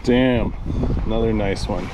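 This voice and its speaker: A man's voice: lowish voice, measured pace, dull audio, background noise. A man in his thirties from the United States, filming himself fly fishing outdoors on a river with a body-worn action camera and talking casually about each strike. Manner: excitable, exclaims at every strike, talks to the fish. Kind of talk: casual self-filmed commentary.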